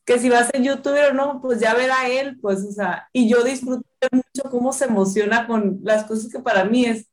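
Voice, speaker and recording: A woman's voice: a little high, moderate pace, hardly any pauses. A woman with a Mexican accent chatting casually and animatedly about enjoying her son. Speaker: mother in a group chat. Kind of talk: casual chat.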